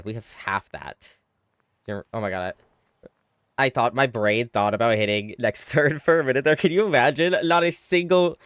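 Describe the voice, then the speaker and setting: Guy streaming a strategy game, rambling to chat, kinda tired, smooth voice, mid pitch. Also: dry recording. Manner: chatty, thinking aloud, frequent exclamations. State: yawning, tired. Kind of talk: casual live gameplay commentary.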